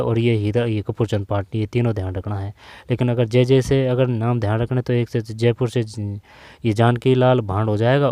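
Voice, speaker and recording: Dark-voiced man tutoring with repeated answers. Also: lowish voice, no room sound. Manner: repeats key answers, frequent "theek hai" check-ins. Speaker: exam-prep tutor. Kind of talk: casual exam-prep lesson.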